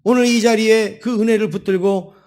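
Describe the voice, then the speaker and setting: This is a male pastor with a high-pitched voice, preaching a Sunday sermon. He moves between a told story and emphatic, rising exhortation to the congregation. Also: fairly even intonation, a little fast, darkish tone.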